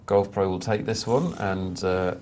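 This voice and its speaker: A man's voice: low voice, fairly even intonation, a little slow, darkish tone, a little hiss or hum. A man commentating live poker with dry, self-mocking humour and banter.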